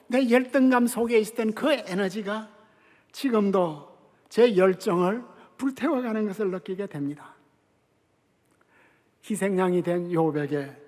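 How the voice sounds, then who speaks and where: An older man preaching a sermon as a guest pastor, emphatic and measured, with dramatic pauses and hushed drops in his voice. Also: high-pitched. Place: large church sanctuary. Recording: long church hall reverb.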